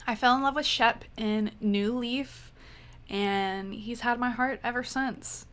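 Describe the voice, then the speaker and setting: Woman, casual gaming vlogger; chatty, slightly higher voice, unhurried delivery, sarcastic edge. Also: fairly even intonation, a bit bright. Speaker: gaming video creator. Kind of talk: casual tier-ranking vlog.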